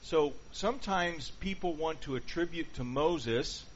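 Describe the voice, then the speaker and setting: A man with a somewhat high, slightly slow voice teaches an interactive Bible class, putting questions to the group and reviewing what they say. The recording is dull and lo-fi, with a faint hiss.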